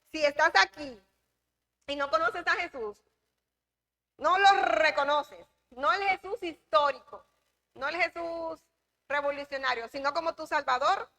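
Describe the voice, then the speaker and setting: A woman's voice: high voice, sharp tone. A woman from the Republic, teaching a church Bible class in an emphatic way, repeating key phrases and asking the class questions. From Dominican Republic.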